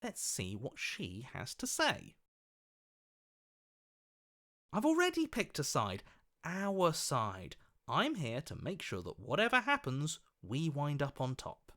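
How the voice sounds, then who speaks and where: Sly and noncommittal, a man plays a scheming, flattering video game opportunist in an exaggerated voice on the high side. He speaks a little slowly, with an oily, ingratiating, theatrical delivery.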